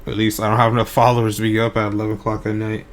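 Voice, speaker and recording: Late at night, a young man live-streams his game development, talking in a lowish, monotone voice at a racing pace. He sounds sleepy and a little worn, rambling casually and hesitating with lots of fillers.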